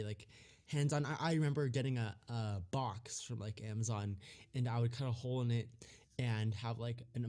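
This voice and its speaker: A young man hosting a podcast interview, asking questions in a friendly, slightly halting way. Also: medium pitch, warm tone. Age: young adult. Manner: friendly, a bit halting, with fillers.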